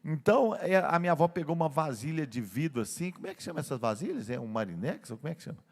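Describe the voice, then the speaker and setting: An older man from Brazil, a pastor telling a personal story in a sermon, often slowing down and dropping to a soft voice. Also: fairly high pitch, sing-song. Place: church sanctuary. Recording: long church hall reverb.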